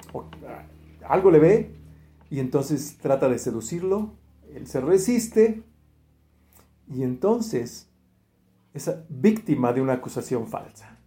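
A man preaching a sermon, retelling a Bible story in a lively way and acting out the quoted speech, with frequent fillers and restarts. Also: mid-range voice, echoey room.

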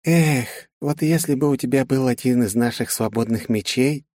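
A man's voice: mid-range voice, moderate pace, a little mellow, dry recording, studio quality, voice pushed up, lightly acted. A man voicing a stern, irritable female mentor who speaks in a raised, instructive tone.

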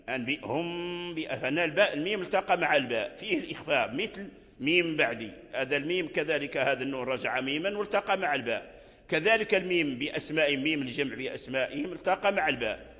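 A man with a Moroccan accent teaching Quran recitation rules step by step, chanting short verse examples slowly to illustrate each point. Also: on the high side, fairly bright tone, long reverb tail. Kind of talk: tajweed lesson.

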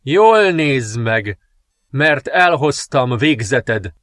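A man voicing a vengeful dark princess. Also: a little high, no room sound, voice pushed up, lightly acted. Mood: menacing. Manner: raised, proclaiming, cursing. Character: vengeful sixteen-year-old dark princess, cold, commanding. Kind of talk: audiobook character reading.

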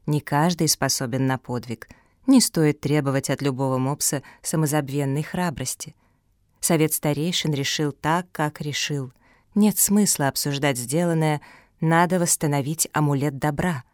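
Woman as a gentle, calm storybook elder. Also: low voice, moderate pace, no echo, studio quality, natural voice.

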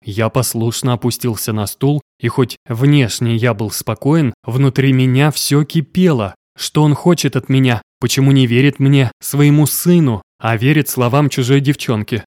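A man reading a first-person audiobook in a measured, even way. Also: medium pitch, no echo, studio quality. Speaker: audiobook narrator.

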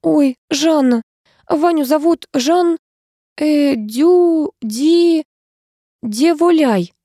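Female narrator doing a shrill, flustered young waitress; high, loud, drawn-out. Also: animated, no room sound, studio quality. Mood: bewildered.

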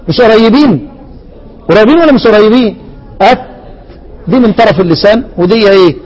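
A man's voice: sits high, husky, low-quality recording. A man with an Egyptian accent teaching Quran recitation in a classroom lecture, quizzing students with rhetorical questions and drilling word forms again and again. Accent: Egyptian Arabic.

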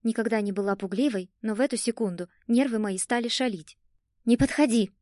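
A woman narrating a first-person audiobook in a lively, expressive storytelling manner. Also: medium pitch, quick pace, dry recording, clean studio sound.

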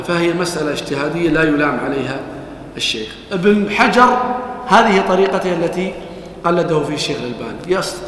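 A man's voice: a little high, a bit bright. A man teaching a classroom lesson, reciting texts and questioning his students as he explains them. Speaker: teacher of hadith. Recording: echoey hall with long reverb, faint noise.

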